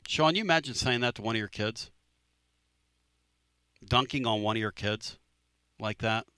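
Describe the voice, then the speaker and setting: A man's voice: mid-range voice, moderate pace, bright, forceful tone, clear, resonant tone, no room sound. A man hosting a sports talk radio show, telling a story in a casual, emphatic way and repeating phrases.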